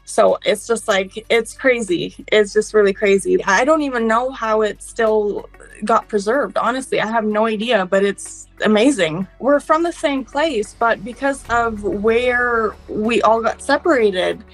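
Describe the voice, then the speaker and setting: A woman's voice: on the high side, measured pace, soft background music, rough recording. A young woman whose first language is Fiji Hindi, telling personal stories in an earnest, conversational way. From Fiji or Fijian diaspora family. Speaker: interviewee. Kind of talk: personal storytelling, casual talk.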